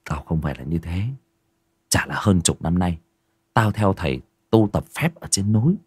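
A man doing a hushed, earnest young sorcerer. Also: low voice, animated, moderate pace, breathy edge, dry recording, heavily acted. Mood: anxious. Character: worried young male sorcerer back from the mountains.

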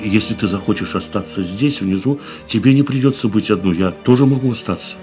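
An actor playing Boris, a gentle, worldly middle-aged man who speaks softly and reflectively in a radio play. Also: on the low side, brisk, faint music behind, natural voice. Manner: soft, reflective, calls her 'darling' tenderly. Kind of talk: studio radio drama acting.

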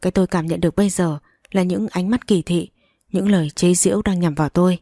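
A woman reading a first-person love story aloud in a slow, measured way. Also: on the low side, steady tone, mellow, no room sound, clean studio sound. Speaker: narrator.

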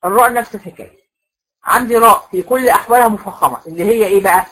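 Her medium-pitched voice is rapid-fire, a bit bright, and breathy, captured in poor audio. Speaking with an Egyptian accent, she lectures women students in a recitation class, walking through rules step by step and answering her own questions to the class.

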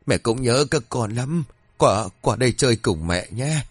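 A man voicing a greedy fake village medium woman who bosses people briskly and fakes a dead mother's voice. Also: mid-range voice, animated, slightly rough, dry recording. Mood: feigned tender. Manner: brisk and bossy, then feigning a dead mother's voice.

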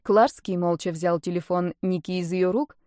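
A woman narrating a novel in a steady, even reading voice, close to the mic. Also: on the low side, normal speed, no echo. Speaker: audiobook narrator. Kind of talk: scripted narration.

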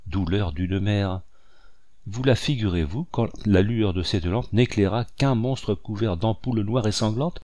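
A man reading a nineteenth-century novel aloud in a measured, expressive storytelling manner. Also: fairly low pitch, no echo. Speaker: audiobook reader.

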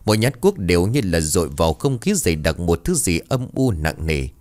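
A man narrating a horror story with dramatic, expressive storytelling. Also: sits low, brisk.

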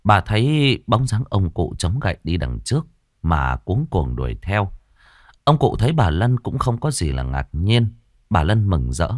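A man narrating a ghost story audiobook in a dramatic, expressive way, close to the mic. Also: deep voice, dry recording.

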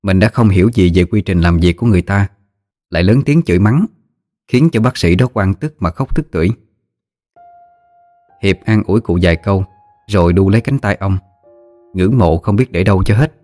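A man narrating a story in a steady, even audiobook style. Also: sits low, fairly quick, long pauses, soft background music.

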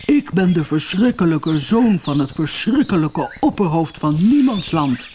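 A woman voicing a boastful caterpillar that poses as a terrible male warrior, speaking in slow, booming threats. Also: lively intonation, a little mellow, slight background noise. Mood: boasting.

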